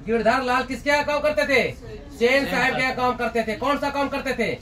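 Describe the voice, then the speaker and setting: Teacher guy, really high voice, keeps asking questions then answering them, sounds a bit far from the mic. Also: fairly even intonation, brisk, bright, forceful tone. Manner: repeats questions to the class and answers them, acts out dialogue. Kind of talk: explaining a Hindi textbook story to students.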